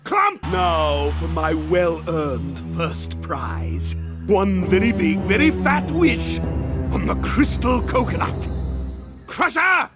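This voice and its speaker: A man voicing a pompous, scheming, short-tempered reptilian villain king in an animated cartoon, with a bombastic, imperious, exasperated delivery. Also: high voice, slow pace. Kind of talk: theatrical animated cartoon acting. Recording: cartoon soundtrack with loud music behind.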